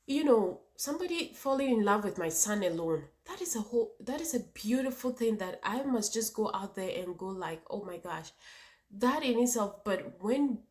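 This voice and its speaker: A woman's voice: a little high, animated, moderate pace, hardly any pauses. Emphatic Ghanaian woman vlogger. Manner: emphatic, with repetition and rhetorical questions. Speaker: vlogger and channel host. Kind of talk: opinionated personal talk to viewers.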